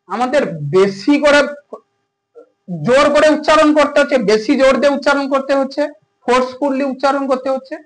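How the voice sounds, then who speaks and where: A man's voice: extremely high pitch, rough recording. A man teaching a grammar lesson, repeating points and checking understanding with questions. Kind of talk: grammar lesson explaining to students.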